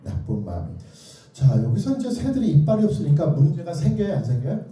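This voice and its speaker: Speaking a little fast with big pitch swings, a man with a fairly high, dark-toned voice lectures as a children's author. He playfully and theatrically engages listeners through either-or questions, recorded on a distant mic in a very echoey indoor lecture hall.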